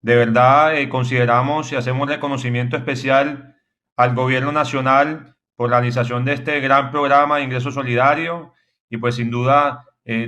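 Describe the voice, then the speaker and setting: A man's voice: medium pitch, fairly bright tone. A Colombian man speaking formally as a forum panelist. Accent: Colombian Spanish. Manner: formal, measured.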